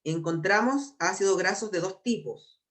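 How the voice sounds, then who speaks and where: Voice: mid-range voice, a bit bright. Chilean biology teacher explaining patiently. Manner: patient, explanatory, repeats key terms slowly. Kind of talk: exam prep class lecture.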